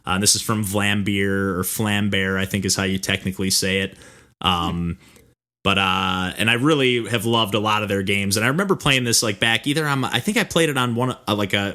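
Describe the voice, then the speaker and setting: Bright-voiced man hosting a podcast. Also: on the low side, brisk. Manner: rambling, full of "like" and "you know". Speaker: podcast host. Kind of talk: casual chat about video games.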